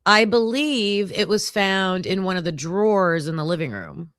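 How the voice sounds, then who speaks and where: A woman hosting a casual livestream case discussion, talking in a halting way with many fillers and frequent laughs. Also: mid-range voice, expressive, a bit bright, dry recording, clean studio sound. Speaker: livestream host.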